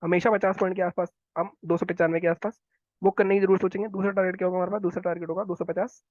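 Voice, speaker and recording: A man talking viewers through market charts, quick and instructive, often repeating his phrases. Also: high voice, level tone, darkish tone, dry recording, highs cut off. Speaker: stock market analyst. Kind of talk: chart analysis walkthrough.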